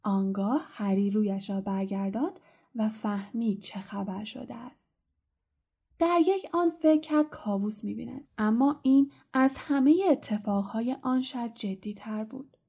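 A woman's voice: fairly high pitch, vocal fry, slightly rough. A woman narrating a storybook aloud, acting out the characters' voices. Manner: lively, acts out each voice. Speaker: audiobook narrator.

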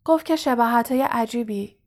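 An earnest, worried teenage schoolboy wizard talks to his headmaster, as a woman reading the story gives him voice. The voice is fairly high and somewhat uncertain, in an audiobook reading. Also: darkish tone, lightly acted. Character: anxious young teenage boy wizard.

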